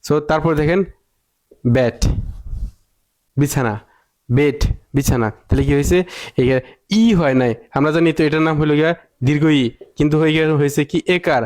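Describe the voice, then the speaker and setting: A man's voice: fairly high pitch, fairly even intonation, brisk, long pauses, darkish tone. A man teaching an online English reading lesson, repeating rules, quizzing the viewer and scolding critics.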